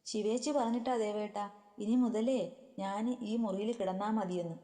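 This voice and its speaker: A woman's voice: mid-range voice, moderate pace, warm tone, long reverb tail, natural voice. A woman voicing a childlike, innocent young woman in a whiny, pleading tone, read as a story. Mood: scared. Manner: whiny, pleading, baby-talk tone.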